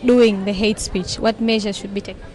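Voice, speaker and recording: A woman interviewing a passer-by on the street, posing careful, deliberate questions. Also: mid-range voice, fairly even intonation, darkish tone, low-quality recording.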